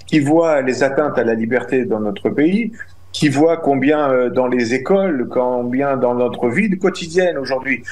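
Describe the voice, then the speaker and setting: A middle-aged man with a medium-pitched, darkish voice answers interview questions as a guest representing his community. He sounds emphatic and indignant, often restarting his phrases.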